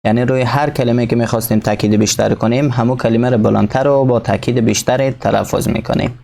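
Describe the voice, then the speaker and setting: Gravelly man teaching English slowly. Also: mid-range voice, fairly even intonation, a little mellow. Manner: reads English slowly, explains in Dari. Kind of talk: recorded textbook lesson.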